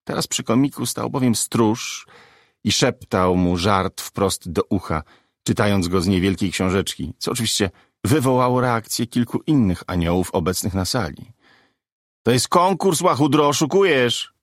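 A man narrating an audiobook story expressively, in a lively storytelling manner. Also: fairly low pitch, normal speed, no room sound, studio quality.

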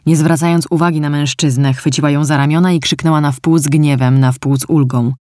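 An audiobook narrator reading a story in a calm, steady way. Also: mid-range voice, a little fast, no echo, studio quality. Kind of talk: scripted narration.

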